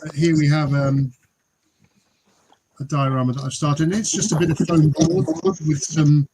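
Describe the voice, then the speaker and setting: A man's voice: a little high, steady tone, normal speed, noisy background. A man on a video call whose audio sounds garbled and underwater, chatting casually with many ums and restarts. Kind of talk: casual chat on a model-building panel.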